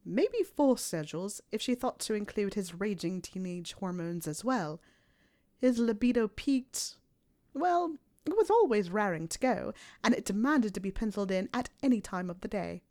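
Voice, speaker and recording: A woman narrating a story aloud in a measured, soft storytelling delivery. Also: mid-range voice, expressive. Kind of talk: reading fan fiction aloud.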